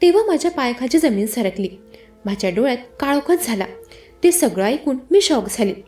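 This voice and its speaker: A woman's voice: high-pitched, lively intonation, a little fast, warm tone. A woman telling a first-person story, voicing each character's lines herself.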